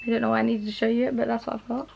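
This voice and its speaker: Young female vlogger, casual and self-deprecating, slight vocal fry. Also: on the high side, flat delivery, rapid-fire, very noisy. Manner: rambling, self-deprecating, chatty. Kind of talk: casual vlog chat. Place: bedroom at home.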